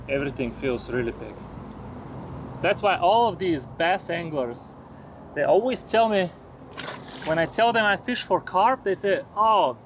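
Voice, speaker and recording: His voice sits high as this fishing vlogger offers excited commentary from a small river boat, urging on the fish he hooks and talking to his audience. The boat-mounted camera yields a noisy outdoor recording with traffic in the background.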